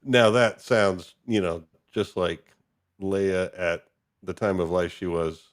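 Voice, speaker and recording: A low-voiced man hosts a podcast in casual chat. He keeps things easygoing and chuckles between his remarks. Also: slow pace, faint music behind. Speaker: podcast host.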